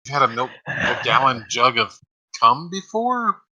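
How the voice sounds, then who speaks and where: A man's voice: mid-range voice, big pitch swings, a little slow, bright, forceful tone, muffled recording. A man playing a tabletop game, joking and rambling as he talks. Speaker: player. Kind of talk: tabletop game banter over voice chat.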